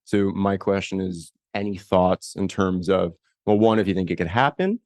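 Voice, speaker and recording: Guy hosting an interview, really low voice, dry close sound, lots of "you know" and "right?". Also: normal speed, a little mellow, no room sound. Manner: rambling questions with many "you know" and "right?" fillers. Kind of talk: conversational interview.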